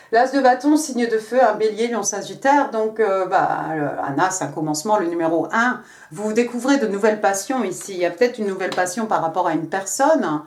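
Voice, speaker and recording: A woman giving a casual tarot reading to camera, chatty and full of fillers, speaking directly to her viewers. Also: medium pitch. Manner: chatty, many fillers and hein. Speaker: tarot reader. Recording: echoey room.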